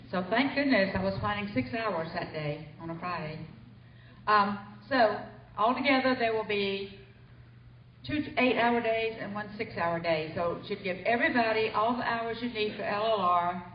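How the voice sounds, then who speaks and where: A woman's voice: mid-range voice, slight background noise. Woman announcing in a roomy meeting hall. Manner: chatty, informal. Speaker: training coordinator. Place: hotel meeting room. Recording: distant, roomy, dull hall recording.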